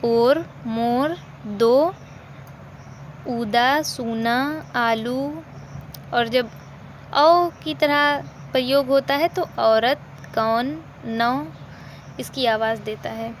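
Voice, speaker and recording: A woman teaching a recorded language lesson, explaining slowly, repeating examples and asking questions she answers herself. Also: on the high side, a little hiss or hum.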